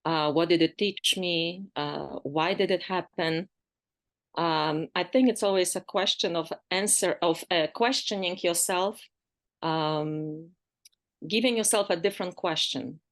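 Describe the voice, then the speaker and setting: A woman in her sixties with a Polish accent, her voice sitting on the lower side. She talks as a podcast guest, reflective and philosophical, pausing on fillers and restarting her sentences. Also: fairly bright tone. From Poland. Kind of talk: reflective interview conversation.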